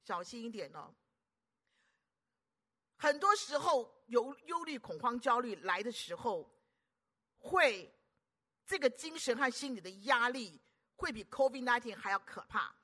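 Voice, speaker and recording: Woman, preacher, sermon, rather high voice, bright tone. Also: measured pace, pauses often. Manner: animated, keeps asking the audience rhetorical questions; acts out anxious inner voices and conversations.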